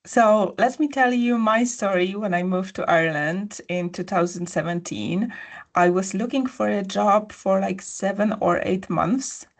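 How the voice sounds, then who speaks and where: A woman guest tells a personal story during a conversational interview. Her voice is mid-range and unhurried. She uses frequent fillers and restarts as she goes.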